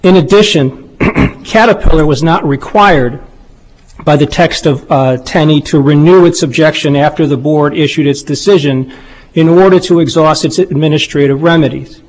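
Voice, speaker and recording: A man making a formal legal argument in a courtroom, speaking deliberately and deferentially as an appellate lawyer. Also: a little high. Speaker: lawyer arguing an appeal. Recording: dull, muffled courtroom recording.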